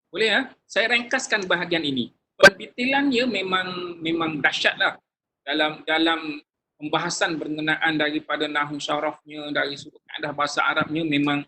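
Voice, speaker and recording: A male religious teacher giving a lecture to a class, lively and acting out sample phrases in changing tones, addressing listeners warmly with frequent religious phrases. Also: fairly high pitch, slight background noise, low-quality recording.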